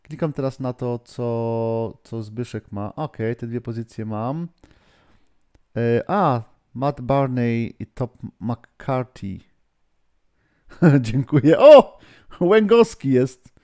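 A man runs a live-streamed training session at a medium pitch and an unhurried pace. He thinks aloud with frequent fillers and restarts, breaking off for chatty asides to viewers and moderators. The sound of typing on a keyboard comes through his desk microphone. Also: a little mellow, clean tone. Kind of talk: live-streamed lesson answering viewer questions.

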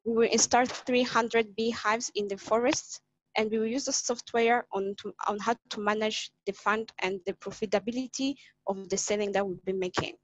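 Woman from rwanda pitching over a video call, a bit high voiced, dry sound, lots of restarts. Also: steady tone, no room sound, dull audio. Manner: halting, frequent restarts. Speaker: pitch presenter. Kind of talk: project pitch and Q&A answers.

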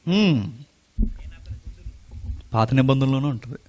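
A male preacher, giving a sermon that swings between loud exclamations and low murmurs, often asking the audience questions and answering them himself. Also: expressive, takes it slowly.

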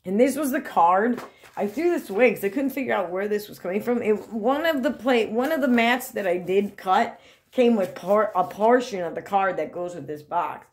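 A woman's voice: medium pitch, animated, normal speed. A woman talking casually to her camera about her hair and a paper craft, chatty and self-deprecating, with many restarts. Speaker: crafting vlogger.

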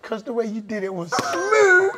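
A man in his thirties with a London accent, hosting a quiz with lively, slangy banter. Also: very high-pitched, normal speed, heavy background noise. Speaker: quiz host. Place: industrial indoor studio with metal walls, seated apart from contestants.

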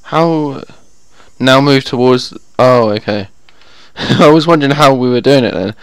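A man's voice: medium pitch, a little slow, clear, resonant tone, dry recording. A young man casually commenting while playing a video game, chatting to his viewers. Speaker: gaming YouTuber. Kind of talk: casual let's-play commentary.

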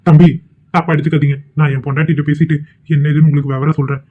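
A man's voice: a little high, level tone, rapid-fire, lightly acted. A man voicing a stern middle-aged father in a cartoon, scolding and commanding. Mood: polite. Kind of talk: cartoon voice acting. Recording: tinny phone-like audio.

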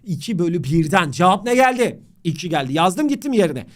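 Lively, animated male math teacher. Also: high-pitched, fairly quick. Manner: playful, talks directly to the student, jokes and mock chants. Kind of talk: animated video lesson.

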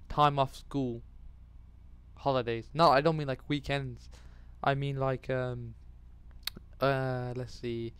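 A young-sounding man talking over a video game in an easygoing, unhurried way. His voice is smooth and clear, and he drifts from one chatty tangent to the next without much structure. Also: medium pitch. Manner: rambling, chatty, goes off on tangents. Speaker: gaming commentator. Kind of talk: casual Let's Play commentary.

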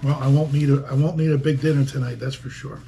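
A man's voice: mid-range voice, steady tone, fast, creaky, warm tone, a little hiss or hum. A man vlogging an eating challenge at home, chatting and joking between mouthfuls. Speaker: beer review vlogger. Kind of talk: casual eating challenge vlog.

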